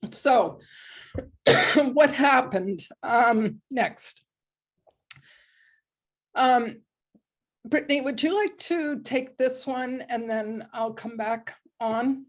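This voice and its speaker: A woman giving a presentation on a park's design, hoarse and coughing, speaking deliberately with frequent pauses. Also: fairly high pitch. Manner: slow and deliberate, with many ums. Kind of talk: online presentation.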